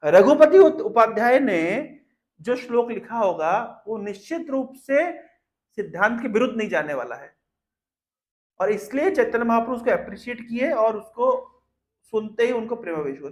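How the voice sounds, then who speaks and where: A man giving a devotional discourse in Hindi, explaining a Sanskrit verse by asking and answering his own questions, and chanting it slowly for listeners to repeat. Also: very high voice, big pitch swings. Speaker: Vaishnava preacher.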